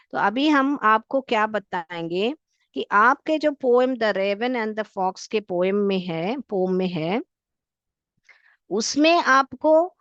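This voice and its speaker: A woman teacher with an Indian accent explains alliteration. She reads example sentences slowly and sounds out the letters one by one, asking her students questions and answering them herself. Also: fairly high pitch, clear, resonant tone, no room sound, muffled recording. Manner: addresses students as beta, asks and answers her own questions. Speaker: English teacher. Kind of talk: classroom lesson explaining alliteration.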